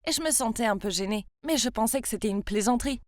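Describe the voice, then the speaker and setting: A French woman in her twenties narrates her own story in the first person, confiding and emotional. Her voice is fairly high and she talks fast, recorded as a dry, close voice-over with no room sound.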